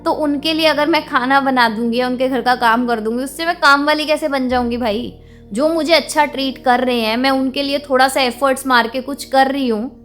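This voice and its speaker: Young woman vlogger, higher voice, outspoken and indignant rant, faint music underneath. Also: fairly bright tone. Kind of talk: venting monologue to camera.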